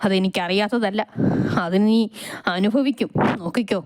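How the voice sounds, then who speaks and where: A woman's voice: medium pitch, moderate pace, darkish tone, close to an everyday voice. A woman voicing a bitter old mother who speaks in an accusing way. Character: bitter old mother, cursing her son.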